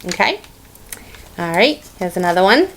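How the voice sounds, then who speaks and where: A woman's voice: mid-range voice, big pitch swings, normal speed, a little hiss or hum. A woman with a Boston-area accent, chatting casually in her stitching vlog and rambling with plenty of ums and restarts. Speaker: stitching vlogger. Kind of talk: casual hobby vlog chat.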